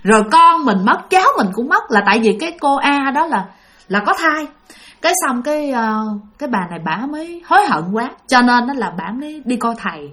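A woman's voice: high voice, sing-song, fairly quick, pushed and bright. A woman telling a ghost story in a casual, chatty way and addressing listeners directly.

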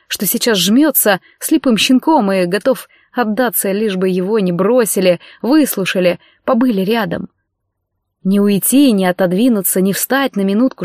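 A woman narrating a novel in an even, unhurried storytelling voice. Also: medium pitch, dry recording, clean studio sound. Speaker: audiobook narrator. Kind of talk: scripted fiction narration.

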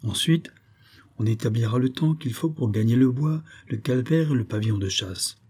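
A man's voice: medium pitch, normal speed, darkish tone, husky, natural voice. A man voicing a cunning male suspect who pleads his innocence in a theatrical, pleading way. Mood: evasive.

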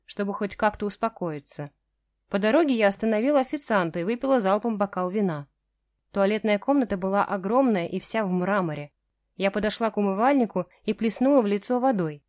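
A woman narrating a first-person romance audiobook in a measured, even way. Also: medium pitch, no room sound, studio quality.

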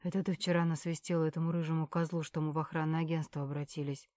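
A woman voicing a furious, foul-mouthed, injured middle-aged male boss in an audiobook, yelling curses. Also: sits low, little pitch movement, fast talker, no echo, close to an everyday voice. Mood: enraged.

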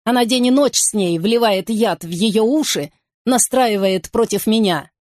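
A woman's voice: fairly high pitch, measured pace, no room sound, clean studio sound, close to an everyday voice. Lovesick young man, frantic and pleading, read by a woman; storybook reading. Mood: agitated. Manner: excited, pleading outbursts.

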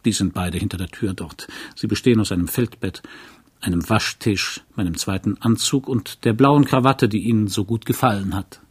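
A man reading the part of a lonely, bookish small-town lawyer who speaks in a dry, wry and courteous way, in a low, husky voice. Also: moderate pace.

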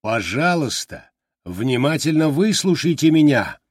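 An ancient, enormous creature from a fantasy audiobook, issuing orders in a slow, deliberate, booming voice, as a male narrator puts it on. The tone is husky and weighty. The reading is dry and close to the mic. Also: sing-song, dry recording. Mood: commanding. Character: vast ancient sea creature, commanding and deliberate.

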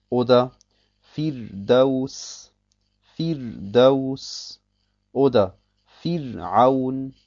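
A man's voice: medium pitch, mellow, husky. Methodical male tajweed teacher, dull audio. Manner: slow, methodical explanation with repeated spoken examples. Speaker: Quran recitation teacher. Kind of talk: recorded tajweed lesson.

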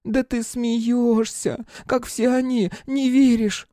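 A man reading an audiobook, voicing a frightened, simple-minded young village woman in a high, pleading voice. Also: flat delivery, slow pace, warm tone, no room sound, studio quality. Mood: fearful.

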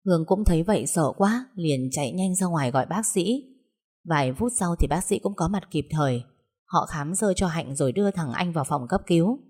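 A woman storyteller reading a family drama in a steady, dramatic way. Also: on the low side, fairly quick, husky. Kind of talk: scripted narration of a family drama.

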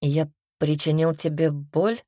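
A woman's voice: low voice, slow pace, warm tone, dry recording, studio quality. A woman voicing a sullen young male werewolf husband who asks blunt, suspicious questions. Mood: gruff.

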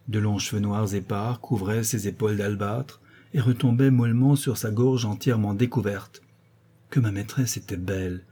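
A man narrating a classic novel as an audiobook, expressive and measured. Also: fairly low pitch, breathy edge.

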